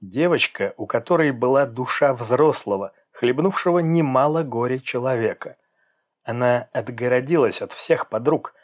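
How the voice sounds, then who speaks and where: A man reads a story aloud as audiobook narration. His delivery is even and measured, at a mid pitch for a man.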